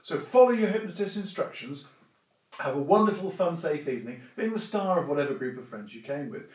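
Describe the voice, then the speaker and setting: A man with a fairly high voice talks informally and instructively, like a presenter giving practical advice. His delivery is conversational but emphatic. The recording is echoey, with the microphone some way off. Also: lively intonation, brisk, darkish tone. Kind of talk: informal explanatory talk to camera or audience. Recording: echoey room, distant microphone.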